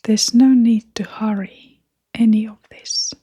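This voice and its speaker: Her soft, breathy voice, close to a whisper, guides listeners through a scripted meditation with gentle, soothing delivery and long pauses. She sits on the higher side in pitch, her intonation stays fairly even, and the recording is dry.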